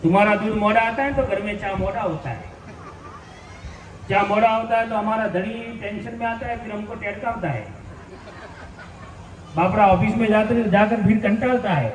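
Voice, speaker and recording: A man's voice: sits high, normal speed, pauses often, a little hiss or hum, close to an everyday voice. A man playing a chatty North Gujarat housewife who scolds her milkman in broken, mixed-up speech. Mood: scolding. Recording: echoey, distant mic.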